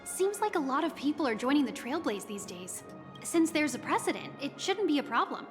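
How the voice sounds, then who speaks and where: A woman's voice: sits high, big pitch swings, a little fast, long reverb tail, faint music behind. A woman playing a polite, flustered young hotel receptionist in a video game, with formal customer-service courtesy. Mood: apologetic, formal.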